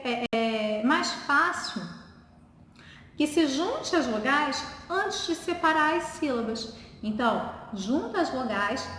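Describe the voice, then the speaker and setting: A woman's voice: sits high, fairly bright tone. A woman teacher giving a recorded lesson, patiently explaining step by step and asking her class questions. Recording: echoey room with long reverb.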